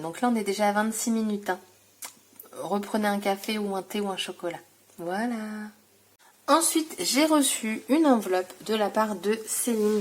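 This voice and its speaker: A woman's voice: mid-range voice, slight background noise. Chatty French woman showing craft papers. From France. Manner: chatty, hesitant, many fillers. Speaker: scrapbooking vlogger. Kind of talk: casual show-and-tell vlog.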